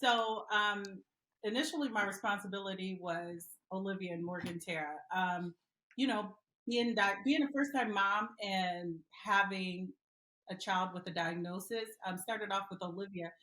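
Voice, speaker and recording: A middle-aged woman from Liberia answering interview questions in an earnest, pausing way. Her voice sits in the middle of the range and carries an echoey room sound. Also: medium pitch, bright, forceful tone. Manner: earnest, with many "um" pauses. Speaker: guest, mother and advocate.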